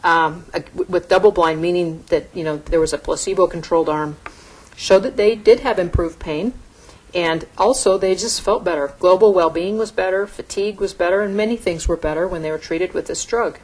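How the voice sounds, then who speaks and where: Middle-aged woman, physician lecturer; conversational explanatory delivery, slightly low pitch. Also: moderate pace, low-quality recording. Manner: explanatory, conversational, occasional restarts. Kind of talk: medical lecture to an audience.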